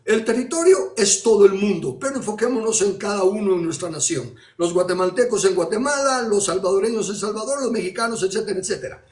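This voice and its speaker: A man's voice: sits high, fairly quick, few pauses, darkish tone, echoey room. A man preaching a sermon, emphatic and full of rhetorical questions and repetitions.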